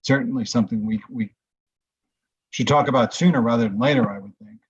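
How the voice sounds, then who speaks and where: A man's voice: medium pitch, a little fast, breathy edge, no echo, dull audio. A man who serves as a legislator speaks in a committee meeting over a conference call. He thinks aloud in a casual, hedging way, with plenty of fillers. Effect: conference call audio. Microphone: computer or phone on a video call.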